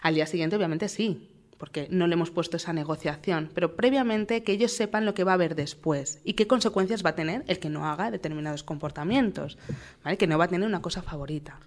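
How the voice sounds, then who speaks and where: Young woman explaining parenting stuff, calm and patient, lowish voice. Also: fast talker. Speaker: guest expert on parenting. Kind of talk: explanatory interview talk.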